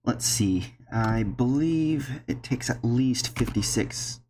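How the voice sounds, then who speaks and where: A man's voice: mid-range voice, takes it slowly, a little mellow, slight background noise. A man streaming a game, chatting casually and thinking aloud, often laughing at himself. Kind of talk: casual gameplay commentary. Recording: game music playing behind.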